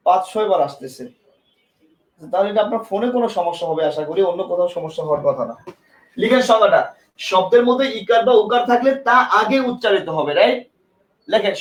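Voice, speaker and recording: A man with a Bangladeshi Bengali accent teaches a live online exam-prep lesson in a high, light voice. He repeats each point and keeps firing questions at his students, pressing them to pay attention. The room around him rings with echo. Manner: repetitive, quizzes students with questions; emphatic, urges attention.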